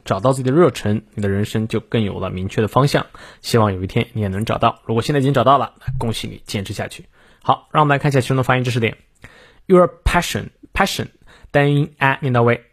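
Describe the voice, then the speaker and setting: A male English teacher, explaining pronunciation patiently and reading English lines slowly and deliberately. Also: medium pitch, husky. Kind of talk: morning English lesson.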